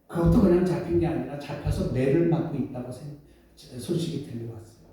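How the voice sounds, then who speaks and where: A man's voice: fairly high pitch, fairly quick, dark tone. Male pastor telling a sermon story. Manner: dramatic, asks the congregation questions. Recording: echoey church hall, mic far off.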